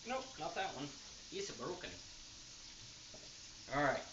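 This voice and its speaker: A woman's voice: sits low, takes it slowly, very noisy. A woman hosting a casual cooking livestream from her home kitchen, chatting to herself and her viewers in a playful way. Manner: talks to self and viewers, playfully animated. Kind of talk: casual chat while cooking live. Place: home kitchen with frying food. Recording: muffled, roomy, loud frying sizzle.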